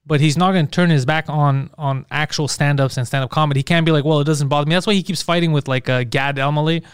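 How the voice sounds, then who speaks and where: A comedian from Montreal, Canada, appears as a guest on a loose podcast chat, telling stories with energy, laughing often and swearing freely. He speaks fast in a slightly high, smooth, resonant voice, recorded close and dry with no echo.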